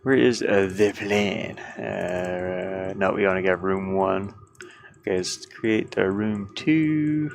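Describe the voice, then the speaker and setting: With a diesel heater humming and clicking in his van, a game developer livestreams as he works, rambling and musing aloud in casual chat. His voice sits low, with vocal fry and a slow pace.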